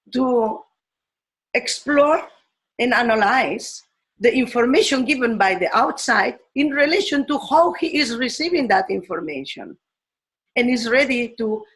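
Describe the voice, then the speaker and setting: Slow-spoken woman teacher. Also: a little high, a bit bright, low-quality recording. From Spain. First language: Spanish. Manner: slow, thoughtful, with pauses and restarts. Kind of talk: reflective talk on education.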